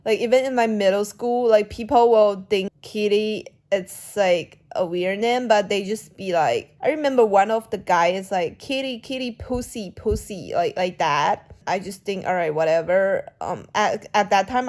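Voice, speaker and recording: Quiet slow-speaking woman with a Chinese accent. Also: medium pitch. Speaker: vlogger. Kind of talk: casual late-night vlog.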